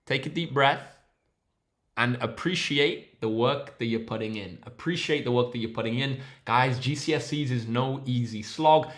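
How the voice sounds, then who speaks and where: A man's voice: mid-range voice, normal speed, a bit bright. A young man, a maths tutor hosting a casual livestream, upbeat and encouraging as he reads out viewers' names from the chat.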